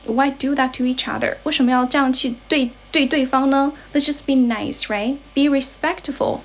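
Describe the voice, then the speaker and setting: A young Chinese woman with a Chinese accent who teaches English, chatting casually on a livestream from her grandmother's house. She keeps rephrasing and translating herself between English and Chinese, and she sounds a little unwell and low on energy. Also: slight background noise. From China.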